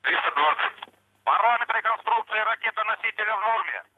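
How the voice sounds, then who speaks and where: A man's voice: high voice, fairly quick, no echo. A man giving formal, clipped mission control radio callouts as a launch announcer reading telemetry. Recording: tinny narrow phone-like radio line.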